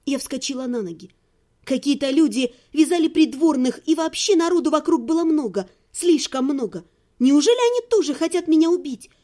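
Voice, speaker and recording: A woman reading a first-person audiobook with expressive storytelling. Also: high voice, fairly quick. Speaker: audiobook narrator.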